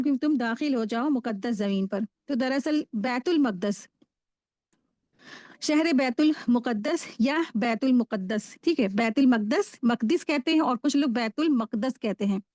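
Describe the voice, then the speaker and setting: Higher-voiced woman teaching a religious lesson. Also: moderate pace, no room sound, clean studio sound. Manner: explanatory, steady, with frequent restarts. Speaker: Quran course teacher.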